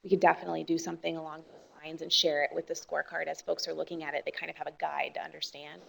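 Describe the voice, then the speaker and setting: A woman's voice: sits low, little pitch movement, rapid-fire, gravelly, a bit bright, poor audio. A woman on the board staff explaining plans at a formal meeting and correcting herself as she goes.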